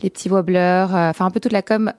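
A young woman speaking softly as a guest in a radio interview, with frequent fillers. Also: fairly low pitch, steady tone, fast talker, no echo. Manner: soft, quiet voice. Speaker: guest, company founder.

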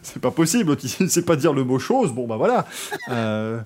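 A man's voice: medium pitch, sing-song, moderate pace, darkish tone. A man hosting a motorsport podcast, chatting casually and joking, rambling with frequent restarts. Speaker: podcast host.

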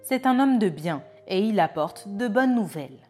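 A woman's voice: mid-range voice, expressive, normal speed, a little mellow, faint music behind, close to an everyday voice. A woman voicing a grieving old king who cries out in anguish for his son. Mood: commanding. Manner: anguished, raised voice.

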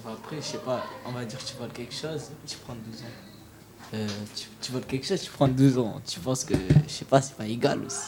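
A man's voice: mid-range voice, steady tone, brisk, very noisy. A man guest on a radio discussion arguing his point casually, a little away from the microphone. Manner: argumentative, casual, with "tu vois" and "je sais pas".

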